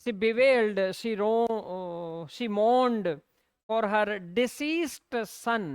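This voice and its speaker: Lady teacher, hindi mixed in, slow and spelling stuff out, smooth voice, dry close sound. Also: medium pitch, no echo. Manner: explains in Hindi mixed with English, slowly spells out words, asks "है ना?" often. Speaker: English teacher. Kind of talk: classroom lecture.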